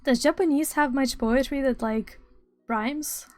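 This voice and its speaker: Her voice is high and measured, recorded with no echo, as this young Estonian woman chats on her stream. She rambles with dry sarcasm, and faint music plays behind her.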